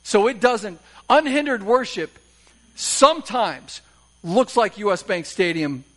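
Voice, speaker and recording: A male pastor preaching a sermon in a conversational, animated way, often checking in with "right?". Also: high voice, takes it slowly, rough recording.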